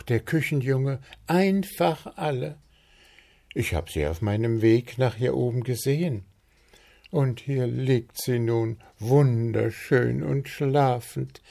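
A man's voice: medium pitch, gravelly, dark tone, voice pushed up. A man voicing a young male bird prince in a storybook, eager and romantic, with a piping voice.

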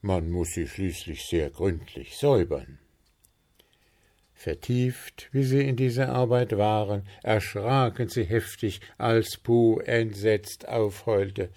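Male narrator, children's storybook, slow and calm, gravelly texture. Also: on the low side. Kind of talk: storybook reading.

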